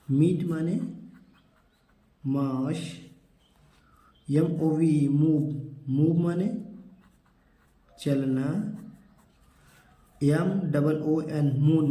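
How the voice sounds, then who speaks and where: Man slowly spelling words for kids, warm dark voice. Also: on the high side, roomy sound, rough recording. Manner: slow spelling and explaining. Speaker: teacher. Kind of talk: vocabulary lesson for children.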